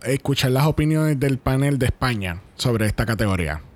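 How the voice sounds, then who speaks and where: A man's voice: medium pitch, expressive, fairly quick. A man with a Puerto Rican accent hosting a casual pop-culture chat, mixing English into his Spanish. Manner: Spanglish, switching between Spanish and English. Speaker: podcast host.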